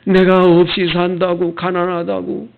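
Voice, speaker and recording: A man's voice: high voice, monotone, unhurried, gravelly, clean tone. A man voicing a poor, hurt elderly woman deaconess who pours out her grievance plaintively. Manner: plaintive, complaining. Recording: tinny phone-like sound.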